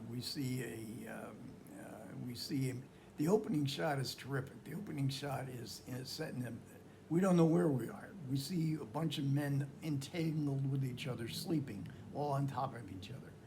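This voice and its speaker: A man giving an informal talk on film, telling it haltingly as he searches for words and repeats phrases. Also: mid-range voice, noisy background. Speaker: film lecturer. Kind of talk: informal film talk recounting history and plot.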